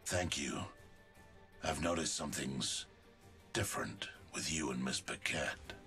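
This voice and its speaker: A man's voice: a little slow, sharp tone, exaggerated voice. A man playing a grave, stern doctor in a video game, speaking in a heavy voice with formal, ominous delivery. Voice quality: very deep, heavy. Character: stern, grave male scientist doctor, defensive and brooding. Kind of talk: video game character acting. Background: music.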